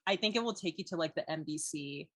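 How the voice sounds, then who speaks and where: A woman's voice: low voice, quick pace, no room sound. A young woman co-hosting a podcast, chatting casually and retelling a story with lots of "like"s and acted-out quotes. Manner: animated storyteller, many "like"s, acts out quotes. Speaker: podcast co-host. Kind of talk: casual chat.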